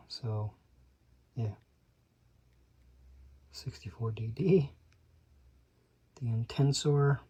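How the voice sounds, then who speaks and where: Flipping through an old magazine, a host reads out advertising slogans and mutters dry remarks, occasionally whispering, as casual commentary for his channel. He has a mid-range, warm and husky voice.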